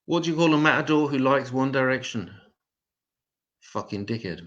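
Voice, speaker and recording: A man doing a stand-up set of one-liners, deadpan and self-mocking. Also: medium pitch, normal speed, highs cut off. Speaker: stand-up comedian.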